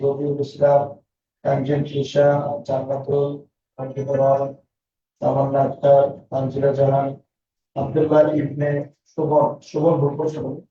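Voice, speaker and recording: A man's voice: medium pitch, completely flat delivery, moderate pace, warm tone, faint music behind. A man teaching a Bangla lesson, calling out student names and drilling them with repeated questions. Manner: reads out student names and answers. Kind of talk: online class lecture. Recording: echoey, distant, dull lo-fi.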